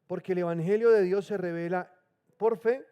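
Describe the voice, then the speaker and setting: A male pastor preaching a sermon, reading scripture slowly and with emphasis and calling on the congregation to repeat words after him. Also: high voice, fairly even intonation, warm tone, smooth.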